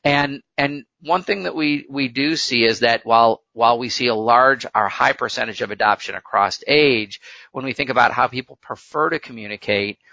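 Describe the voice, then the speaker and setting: Guy being interviewed as an expert, explaining stuff, bright forceful voice, dry kinda lo-fi audio. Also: medium pitch, moderate pace, creaky, no room sound. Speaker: interview guest, workforce management consultant.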